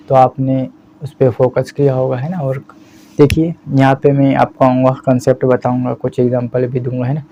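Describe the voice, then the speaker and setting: A man teaching spoken English in Hindi, explaining slowly and checking in with "है ना" again and again. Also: medium pitch. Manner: slow, repeats "है ना" as a steady check-in. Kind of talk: explaining a language lesson in Hindi. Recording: slightly dull lo-fi audio with faint background hiss.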